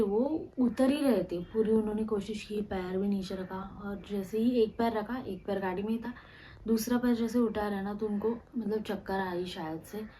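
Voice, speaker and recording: A young woman vlogger telling a personal story to camera, halting and restarting, with many fillers and English words mixed in. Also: mid-range voice, warm tone, slight background noise, low-quality recording. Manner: mixes English words into Hindi.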